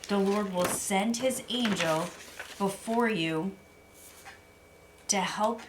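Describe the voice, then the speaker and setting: A woman who reads scripture aloud in a calm, measured way and chats briefly between passages. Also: medium pitch. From United States. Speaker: guest reader. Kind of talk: reading scripture aloud and chatting. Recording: faint background noise.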